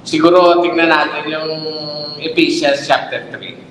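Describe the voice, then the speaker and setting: Preacher, male, fairly high voice, rhetorical and exhorting, echoey church hall. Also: little pitch movement, measured pace, a bit bright. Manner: exhorting, asks rhetorical questions. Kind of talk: sermon. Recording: echoey hall, faint noise.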